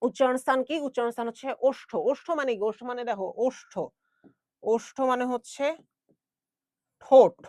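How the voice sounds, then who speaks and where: A man's voice: very high-pitched, fairly even intonation, fast talker, dry recording, clean studio sound. A young man teaching an online class in a chatty way, with jokey asides and English words mixed in.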